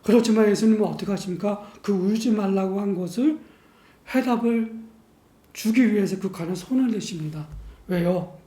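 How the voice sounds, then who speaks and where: A man preaching a sermon as pastor in a church, measured and unhurried, posing rhetorical questions to the congregation. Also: high-pitched, mellow. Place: church sanctuary. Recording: echoey church room.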